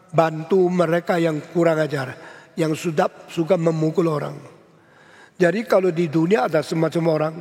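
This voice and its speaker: An older male pastor preaching a sermon, emphatic, with sharp rises on key words and phrases in English. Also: high-pitched. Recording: long church hall reverb.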